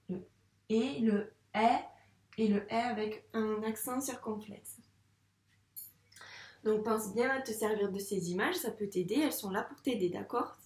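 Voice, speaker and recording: A woman's voice: on the high side, a little mellow, reverberant. A woman with a French accent teaching a reading lesson to young children, speaking patiently and encouragingly, drawing out each sound. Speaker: primary school teacher. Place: classroom.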